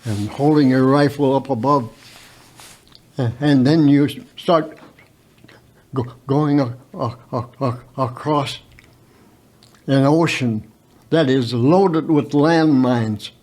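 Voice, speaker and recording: A very old man of about a hundred telling his own story unscripted as a veteran guest, haltingly, with repeated words and stammered starts. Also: medium pitch, darkish tone. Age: very old, around 100.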